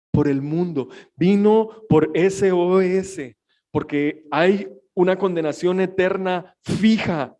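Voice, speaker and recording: A man preaching a sermon as pastor, swinging between hushed, emotional passages and shouted pleas. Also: high voice. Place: church.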